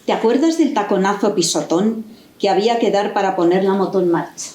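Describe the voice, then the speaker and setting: A woman's voice: mid-range voice, fairly quick, darkish tone, close to an everyday voice. A woman playing a teasing, fond writer's wife. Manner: playful, teasing reminiscence. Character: novelist's wife, teasing and affectionate. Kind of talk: staged reading in a stage tribute. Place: university auditorium. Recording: roomy hall echo.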